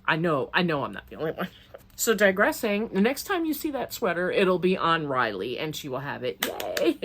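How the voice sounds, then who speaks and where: A middle-aged woman, slightly hoarse, chatting casually to camera about her crafts and rambling with many restarts. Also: fairly low pitch, very animated, normal speed, fairly bright tone. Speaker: crafting vlogger.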